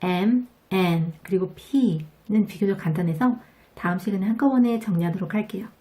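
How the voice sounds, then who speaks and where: A woman with a Korean accent giving a scripted English pronunciation lesson, explaining patiently and clearly. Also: medium pitch, dark tone. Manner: clear, patient, demonstrates words slowly.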